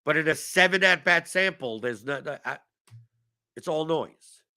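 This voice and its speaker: His voice sits on the high side, pushed and bright, at a normal speed, as he runs a fantasy sports strategy stream and casually takes questions from chat. Losing his voice to a cough, he frequently repeats words when he restarts his thoughts.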